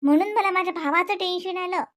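A woman's voice: very high-pitched, quick pace, fairly bright tone, dry recording. A woman plays a wife in a domestic comedy skit. She complains with worry and pushes her point with heated insistence. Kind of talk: scripted domestic comedy dialogue.

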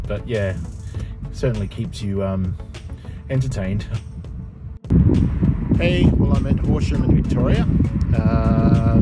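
A middle-aged man with a voice on the low side talks hesitantly and casually to camera for a road trip vlog, halting as he thinks aloud. He films with a phone or camera held at arm's length, inside a parked car or at outdoor roadside charging stops. The audio quality is poor.

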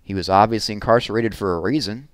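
A man reading aloud, voicing a commanding, easily outraged female official who gives brisk orders. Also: fairly low pitch, no echo, studio quality, lightly acted.

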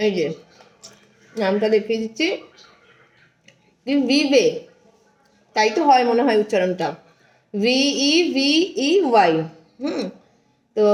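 A middle-aged woman talks to her viewers from her own home in a homely, chatty way, as if to friends. Her voice sits a little high. She holds a phone in one hand to record herself. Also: darkish tone. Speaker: home vlogger. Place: home, indoors. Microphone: phone held in one hand.

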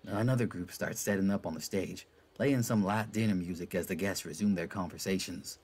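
A man narrating a first-person story in a relaxed, casual way. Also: low voice, a little fast, husky. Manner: relaxed, casual, breaks off to laugh at his own slips.

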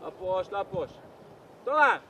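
A man coaching youth footballers from the sideline, shouting short urgent calls and praise, outdoors on a pitch. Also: big pitch swings. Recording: noisy outdoor pitch-side recording.

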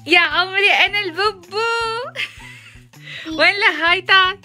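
A woman's voice: very high-pitched, fairly even intonation, a little slow, bright, forceful tone, faint music behind. A woman, chatting playfully in a family vlog and cooing baby talk at her son. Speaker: mother and family vlogger. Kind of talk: casual family vlog chat.

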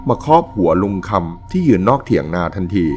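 A man calmly narrating a ghost story in a measured storytelling manner. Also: fairly low pitch, soft background music. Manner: calm, measured storytelling with quoted dialogue.

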